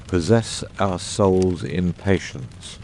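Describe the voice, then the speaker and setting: A man with a very deep, dark voice plays a masterful detective in an audiobook drama. Grave and theatrical, he speaks in measured, eloquent, commanding phrases over faint background noise.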